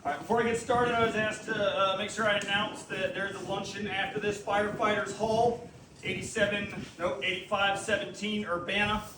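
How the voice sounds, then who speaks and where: A man's voice: high-pitched, fairly even intonation, fairly quick. A tearful man giving a eulogy, his voice close to cracking, with wry self-deprecating humor. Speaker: eulogist, army physician. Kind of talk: eulogy speech. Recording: echoey room, distant mic, background noise.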